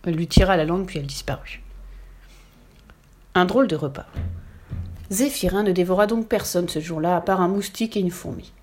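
A woman reading a children's storybook aloud in a lively, expressive way. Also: fairly low pitch, brisk, long pauses, soft background music.

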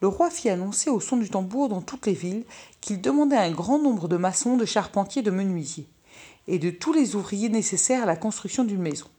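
A woman reading a fairy tale aloud in steady, clear storybook narration. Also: mid-range voice, fairly quick.

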